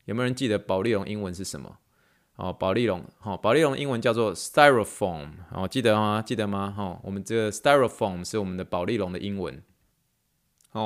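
A man with a Taiwanese Mandarin accent, a physical therapist hosting a casual podcast lesson, chatty, repeating words, dropping English words into his talk and spelling them out letter by letter. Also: on the low side.

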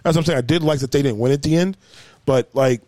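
A man's voice: mid-range voice, fast talker, a little mellow, dry recording. A man co-hosting a casual movie podcast, rambling and repeating himself with casual swearing. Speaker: podcast co-host. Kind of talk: casual movie review chat.

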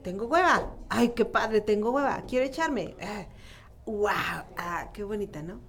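A woman's voice: mid-range voice, a little slow, a bit bright. A woman with a northern Mexican accent hosting a casual talk, chatty and playful, steering the conversation. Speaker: host. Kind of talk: casual chat.

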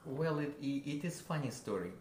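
A man with a Russian accent, a guest musician, talking casually in a halting way, searching for words with many fillers. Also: on the high side, lively intonation, darkish tone. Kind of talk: casual interview. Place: a friend's house. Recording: roomy with background noise.

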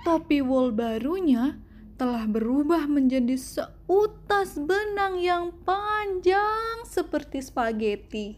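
A woman reading a children's storybook aloud in a gentle, expressive way. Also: high-pitched, slow pace. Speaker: storybook reader.

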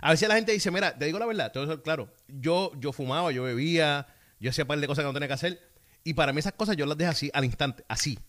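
Fast-talking man host. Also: fairly high pitch. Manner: animated storyteller, checks in with the listener. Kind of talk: casual faith conversation.

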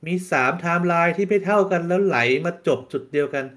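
A man's voice: sits high, quick pace, a bit bright. A man co-hosting a casual chat show, giving blunt opinions and complaints. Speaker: podcast co-host.

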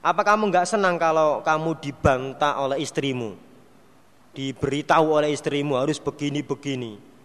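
A man giving a sermon, reading a classical text phrase by phrase and translating each phrase, with lively asides. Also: fairly high pitch, normal speed, long reverb tail. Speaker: preacher.

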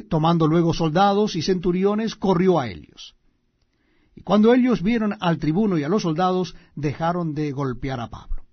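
A man reading scripture aloud in a measured, solemn way. The recording is dull and lo-fi. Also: sits high, husky, no room sound. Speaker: Bible reader.

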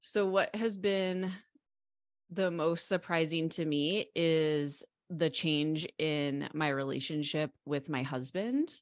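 A woman's voice: low-pitched, steady tone, slow, no room sound, clean studio sound. An earnest, reflective woman on the verge of tears, talking as a mastermind member in a group podcast chat. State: near tears.

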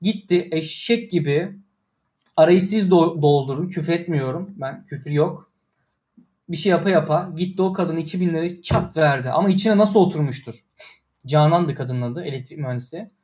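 A man's voice: a little high, normal speed, a little mellow. Exasperated young man ranting on stream. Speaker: livestreamer. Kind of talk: casual livestream rant.

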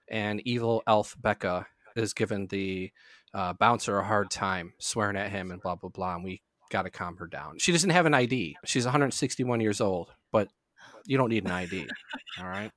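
A man hosting a podcast, chatting casually with animated, profane storytelling. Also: fairly low pitch, normal speed, no echo, clean studio sound. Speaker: podcast host. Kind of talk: casual chat.

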